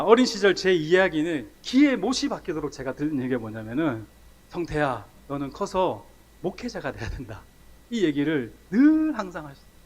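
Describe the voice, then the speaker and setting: A middle-aged man from South Korea preaching a sermon in a church, telling his own story in a lively way and acting out the scenes. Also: a little high. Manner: animated storytelling, acts out scenes, laughs at himself. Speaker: missionary preacher. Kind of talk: sermon with personal testimony. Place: church sanctuary. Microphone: church sound system mic.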